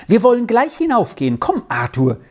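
Woman voicing Squirrel, an excitable little girl. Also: low voice, normal speed, husky, heavily acted. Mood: eager. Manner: breathless exclaiming.

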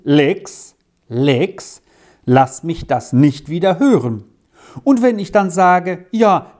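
A woman voicing an excited, defiant young boy who speaks in breathless, indignant outbursts while reading a storybook aloud. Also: fairly low pitch. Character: agitated young boy Lex, hot-tempered and defiant.

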